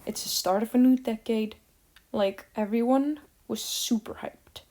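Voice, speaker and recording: A woman's voice: on the high side, a little slow, mellow. A teenage girl from Iceland ranting casually to the camera, rambling with lots of fillers and a sarcastic edge. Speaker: vlogger.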